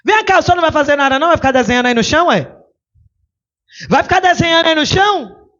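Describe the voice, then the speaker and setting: Brief: woman preacher as a mocking, impatient accuser, quick and raised, on a muffled lo-fi recording. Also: high voice, lively intonation, a bit bright, pitched above the performer's own voice. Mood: taunting. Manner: fast, needling, taunting. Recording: dull lo-fi recording.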